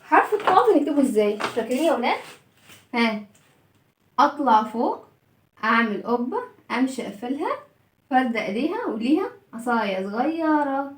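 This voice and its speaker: A high-pitched woman with an Egyptian Arabic accent leads a phonics lesson for young children. She stretches syllables, repeats each word several times and coaxes the class along. Her voice rings out in an echoey room. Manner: animated, drawn-out syllables and repeated words. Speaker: children's reading teacher.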